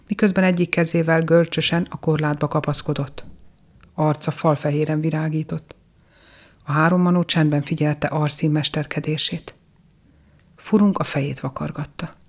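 A narrator reading a fairy tale aloud in a measured, expressive way. The voice sits at a middling pitch and moves at an even pace. It has the steady tone of a storybook reading.

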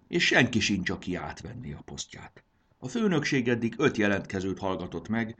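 Kindly train conductor, storybook figure, middle-aged man, read by a man, husky, lively. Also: sits low, heavily acted.

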